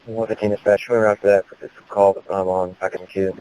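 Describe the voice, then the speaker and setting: Low-voiced man over police radio. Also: little pitch movement, brisk, warm tone, low-quality recording. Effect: police radio transmission. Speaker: police officer. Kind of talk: terse radio calls to dispatch.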